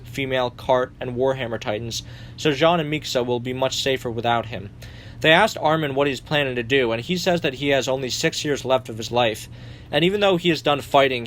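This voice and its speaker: A man's voice: medium pitch, fairly bright tone, slight background noise. A young man hosting a commentary video, narrating a story summary in a sardonic tone with occasional swearing. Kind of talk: narrated fan rewrite summary.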